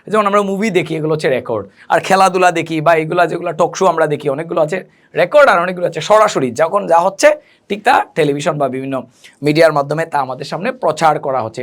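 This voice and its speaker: A man teaching a spoken English lesson. He explains slowly, spells words out and answers his own questions. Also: a little high, expressive, fairly bright tone.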